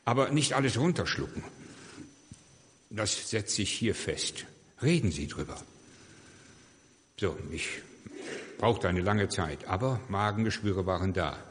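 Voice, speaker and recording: A man's voice: on the low side, lively intonation, measured pace, pauses often, a little hiss or hum. An older man, a pastor, preaching a sermon and telling stories while acting out the voices of the people he quotes. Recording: long hall reverb.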